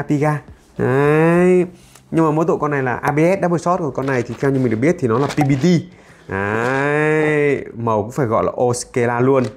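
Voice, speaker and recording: Chatty man unboxing. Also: mid-range voice. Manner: chatty, jokey, talks while handling items. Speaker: tech reviewer host. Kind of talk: casual unboxing chat.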